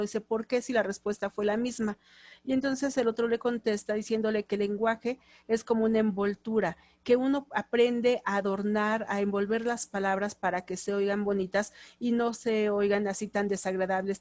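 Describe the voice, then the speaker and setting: A Mexican woman lecturing her class in a fairly high voice, explaining steadily and slipping into little acted phrases to show tone. The sound is dry and close. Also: darkish tone, dry recording. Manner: explanatory, acts out short quoted lines in different tones. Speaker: teacher.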